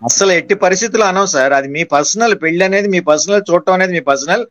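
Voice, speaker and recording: A man's voice: sits high, quick pace, a bit bright, no room sound, muffled recording. A man joining a live online discussion as a guest, agreeable and reassuring. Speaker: panel guest.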